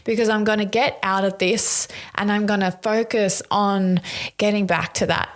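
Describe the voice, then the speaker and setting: A young woman guest talks through a candid podcast conversation in an earnest, heartfelt way. She leans on casual fillers, and her voice sits at an ordinary middle pitch. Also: steady tone, normal speed.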